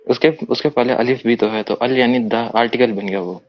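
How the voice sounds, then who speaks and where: A man's voice: medium pitch, steady tone, no echo, highs cut off. A man taking part in an online debate, answering hesitantly and often repeating his words.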